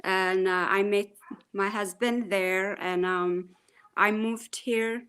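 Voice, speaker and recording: A woman's voice: mid-range voice, fairly even intonation, slow, clear, resonant tone. Ethiopian-accented woman guest. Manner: warm, hesitant, frequent "um" and soft laughs. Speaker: guest, small business owner. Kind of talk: casual interview chat.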